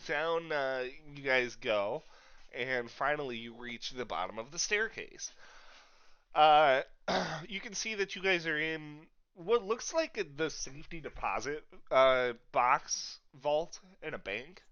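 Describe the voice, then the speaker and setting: A man's voice: a little high, lively intonation, takes it slowly, a bit bright, clean tone, lo-fi sound. A man narrating a tabletop game as game master, with many ums and uhs.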